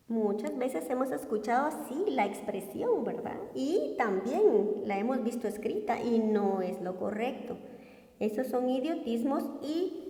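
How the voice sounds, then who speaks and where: Woman teacher, dark mellow tone, roomy echo, unhurried classroom explanations. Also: sits high. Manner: slow, deliberate explanations with repeated examples. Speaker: Spanish teacher. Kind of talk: classroom lesson.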